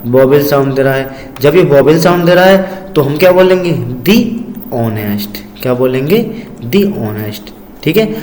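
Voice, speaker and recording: A man's voice: medium pitch, darkish tone, a little hiss or hum. Hindi-speaking man teaching in an echoey room. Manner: asks questions and answers them himself; calls the listener "beta" fondly. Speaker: English teacher. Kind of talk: classroom-style lesson. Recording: echoey room with long reverb.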